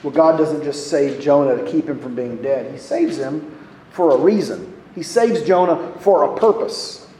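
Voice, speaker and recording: A male pastor preaches with earnest conviction, slowing down and sinking to a hush when he reads scripture aloud. His voice sits fairly high but sounds mellow and soft-edged. The room around him is echoey, with a faint ambient hum underneath. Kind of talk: sermon.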